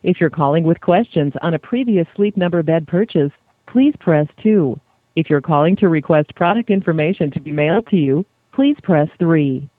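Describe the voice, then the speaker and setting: A woman reading recorded prompts as a phone menu voice, measured and formal in a customer-service manner. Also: low voice, expressive, dry recording, narrow, tinny audio. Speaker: automated phone menu announcer.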